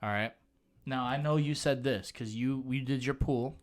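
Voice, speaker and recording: A man's voice: mid-range voice, normal speed. A young man co-hosting a podcast, talking loosely with slang and plenty of fillers. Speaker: podcast co-host. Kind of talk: casual chat.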